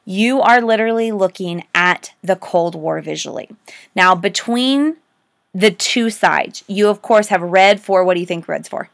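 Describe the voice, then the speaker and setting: A woman's voice: on the low side, moderate pace, gravelly, few pauses, no echo, clean studio sound. An American woman teaching a recorded lesson, dictating notes with repeated key terms and an informal, emphatic manner, often answering her own questions. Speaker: history teacher. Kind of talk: recorded lesson lecture to students.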